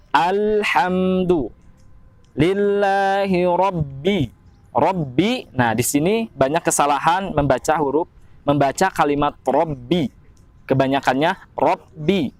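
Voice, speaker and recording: Indonesian guy teaching quran reading, pretty high voice, really slow chanted examples. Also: no room sound. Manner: slowly chants example verses between plain explanations. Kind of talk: tajwid lesson with slow recited examples.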